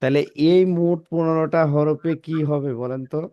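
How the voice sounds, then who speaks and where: A man teaching Arabic letter pronunciation in a classroom, reciting letters one by one with a slow, drawn-out delivery and checking in with his students. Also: a little high, fairly even intonation, clear, resonant tone, no echo, dull audio.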